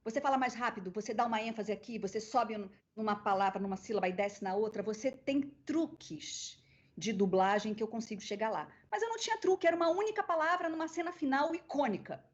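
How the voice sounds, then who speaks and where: A woman with a Brazilian accent, a guest voice actress on a podcast, telling stories in an animated way. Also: fairly high pitch, quick pace. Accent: Brazilian Portuguese. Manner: animated storyteller, acting out quoted voices. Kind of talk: casual interview storytelling. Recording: dull lo-fi podcast audio.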